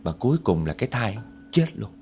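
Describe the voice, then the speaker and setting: A man's voice: lowish voice, sing-song, brisk, a little mellow. Chatty male storyteller. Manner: chatty, addresses listeners directly. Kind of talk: horror story narration.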